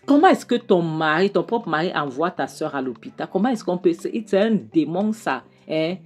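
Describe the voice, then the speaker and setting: A woman giving a casual spoken recap of a film, animated and often tagging "hein?" onto her lines. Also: lowish voice, normal speed, slightly rough. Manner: animated, keeps adding "hein?" and re-enacts dialogue.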